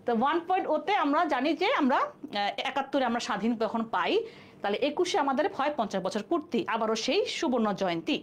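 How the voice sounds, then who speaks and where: A woman's voice: high-pitched, big pitch swings, fast talker. A woman teaching a live online exam-prep class, explaining step by step and asking and answering her own questions.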